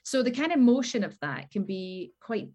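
A woman's voice: on the high side, lively intonation, normal speed, a little mellow. A woman guest in a casual chat, explaining practical dog-training advice with many fillers.

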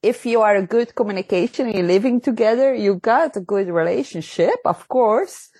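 A woman guest, a dog dancing champion, answering interview questions in halting non-native English, often searching for words. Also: medium pitch, lively intonation, darkish tone, husky, no room sound.

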